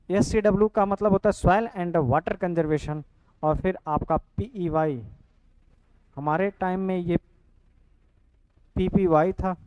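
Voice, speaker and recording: A man's voice: high-pitched, a little mellow, clear, resonant tone, no room sound, poor audio. A young man, explaining a course lesson casually and checking in often with "theek hai". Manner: repeats "ठीक है" and addresses students directly. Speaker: online coaching teacher.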